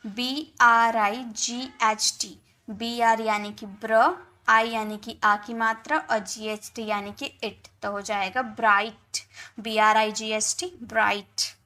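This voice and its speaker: A woman with an Indian accent teaching an English spelling and pronunciation lesson, spelling out letters slowly and repeating each word several times. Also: on the high side, fairly even intonation, bright, forceful tone.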